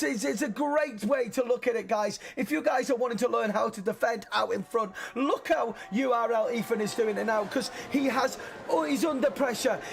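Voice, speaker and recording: A man giving live racing commentary as a motorsport commentator, in a conversational, halting way. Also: very high-pitched, gravelly, slight background noise.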